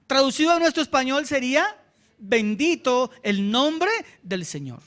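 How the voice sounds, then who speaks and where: Colombian male pastor, very high voice, sermon delivery, drawn-out scripture quotes, frequent asides to the congregation. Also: big pitch swings, fairly bright tone. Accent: Colombian Spanish. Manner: asks the congregation short checks like "¿cierto?" and "¿sí?".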